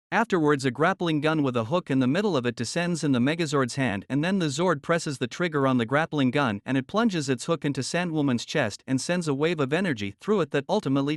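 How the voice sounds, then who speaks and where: A young man narrates a homemade audiobook steadily and plainly. His voice sits fairly high and the recording is dry and close. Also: no echo.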